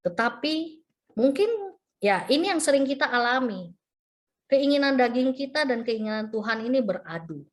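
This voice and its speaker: A woman's voice: on the high side, very animated, moderate pace. A woman preacher giving a sermon as a personal story, acting out the phone calls and messages she describes.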